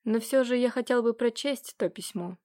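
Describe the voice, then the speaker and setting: A woman reading an audiobook, voicing a brooding young nobleman who speaks low, muffled and sullen. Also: moderate pace, a little mellow, no echo, clean studio sound, close to an everyday voice.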